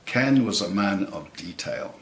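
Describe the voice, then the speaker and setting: A man in his seventies giving a scripted eulogy in a measured, wry, tongue-in-cheek way with deliberate pauses. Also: sits low, expressive, fairly bright tone, slight background noise. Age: 70s. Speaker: eulogist, lifelong friend of the deceased. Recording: roomy, echoing sound.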